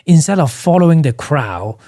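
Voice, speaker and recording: Mellow man with a Cantonese accent. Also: fairly high pitch, big pitch swings, moderate pace. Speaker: photography educator. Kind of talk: scripted instructional narration.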